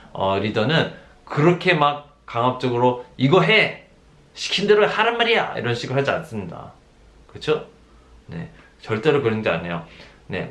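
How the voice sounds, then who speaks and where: A man preaching a conversational sermon, often asking his listeners for agreement and acting out the words of harsh pastors. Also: mid-range voice. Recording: roomy echo.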